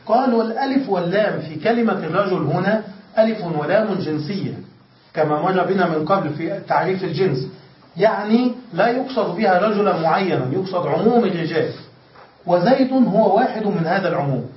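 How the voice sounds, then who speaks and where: A grammar teacher with a high, animated voice speaks fairly quickly while teaching a classroom lesson, explaining step by step, restating his points and repeatedly checking that students are following. The recording is lo-fi, from a distant mic in an echoey room.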